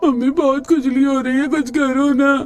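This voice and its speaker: Whiny cartoon children pleading in very high voices, as a male narrator plays them. They sound sulky and insistent, with soft music under them. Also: little pitch movement, moderate pace. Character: little village boy and girl, whining.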